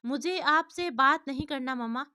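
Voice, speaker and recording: A woman doing a cheeky three-year-old boy, high and babyish. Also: moderate pace, pushed and bright. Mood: sulky. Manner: childish broken lisping speech.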